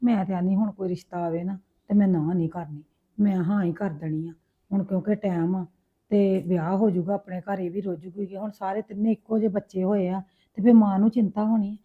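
A woman's voice: mid-range voice, steady tone, fairly quick, husky, close to an everyday voice. A woman playing a fretful widowed mother. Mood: worried. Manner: soothing, fretful. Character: worried widowed mother of grown daughters. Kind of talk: web drama acting. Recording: tinny phone-like sound.

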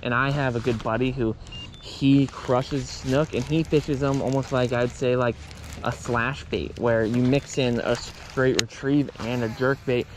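A man on a boat explaining fishing lures in a relaxed, casual way, often saying "man", recorded on a body-worn action camera outdoors. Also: mid-range voice, unhurried. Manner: laid-back, says "man" often. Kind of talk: casual outdoor how-to talk. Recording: outdoor camera audio with steady noise.

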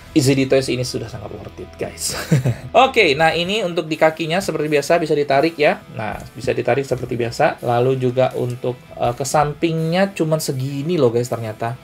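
A man in a relaxed toy-review video, talking with plenty of gravelly fry in his voice. He chats loosely to his viewers while handling the figure, and soft guitar music plays under him. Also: medium pitch. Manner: chatty, keeps saying guys and ya. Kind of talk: casual product review.

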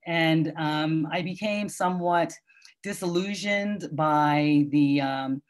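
A middle-aged woman from Canada introducing herself as an independent candidate over a video call, deliberate and concerned with frequent pauses. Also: low-pitched.

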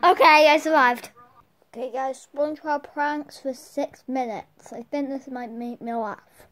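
A woman hosting a casual challenge video, chatting excitedly and talking straight to her viewers. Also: sits high, measured pace. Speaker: video host.

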